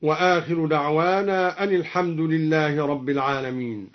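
A man teaching Quran recitation variants, explaining each one and then reciting the verse as an example in a measured way. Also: a little high, steady tone. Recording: dull lo-fi recording.

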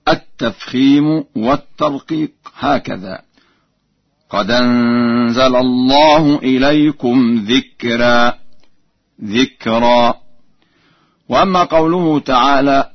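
A man teaching Quran reading variants, explaining calmly and chanting the verses slowly as examples. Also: medium pitch, no echo, muffled recording. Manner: measured explanation broken by slow chanted verses.

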